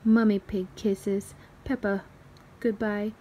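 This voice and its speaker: Reading a children's storybook aloud, this woman speaks at a slow pace in a medium-pitched voice. She hosts storytime expressively, acting out the characters' lines and sound effects.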